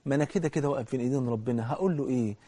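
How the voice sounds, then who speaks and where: A man voicing a frightened young sinner who quietly questions himself in remorse. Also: medium pitch, racing, breathy edge, no room sound, pitched below the performer's own voice, lightly acted. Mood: remorseful.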